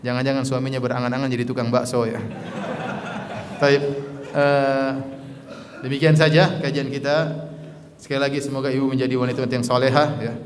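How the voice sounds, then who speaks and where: A man's voice: mid-range voice, a little fast, long pauses, a little hiss or hum. Man preaching in a reverberant hall. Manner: lively, acts out little dialogues, says "ya" constantly. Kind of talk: sermon.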